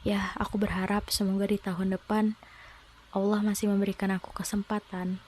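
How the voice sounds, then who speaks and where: A woman in her twenties from South Sumatra, telling a personal story in a soft, reflective and slightly hesitant way. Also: mid-range voice, level tone, a little fast, slight background noise. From South Sumatra, Indonesia. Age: 20s. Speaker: vlogger.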